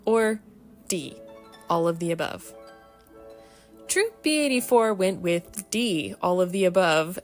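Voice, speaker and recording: A woman with a lowish voice reads a scripted recap as a playful multiple-choice quiz, laying out the options one by one. Faint music plays underneath. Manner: mock quiz-show delivery. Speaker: player reading the recap.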